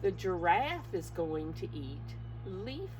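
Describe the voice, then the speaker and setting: Slow and slightly low-voiced, a preschool teacher reads a picture book to young children with very lively, swooping intonation. She coaxes them and speaks to them directly, asking them to guess what comes next. The recording has some background noise.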